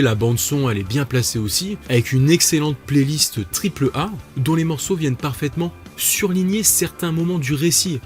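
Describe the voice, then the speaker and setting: A man reviewing a TV series in a casual video, chatty and self-mocking, with jokey asides. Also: mid-range voice.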